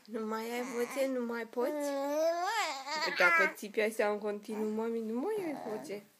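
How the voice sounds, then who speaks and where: A mother coaxes her baby with gentle, repetitive questions in baby talk. Her voice sits fairly high. Clear noise fills the home recording behind her. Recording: noisy home video.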